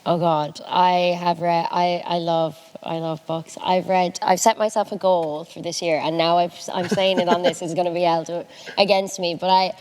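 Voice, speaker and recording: A woman's voice: lowish voice, flat delivery, moderate pace, few pauses, darkish tone, clean tone. Young female podcaster, west of Ireland accent, chatty and self-deprecating, recorded in a reverberant room. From Galway, west of Ireland. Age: early 20s. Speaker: student podcast co-host. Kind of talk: casual chat.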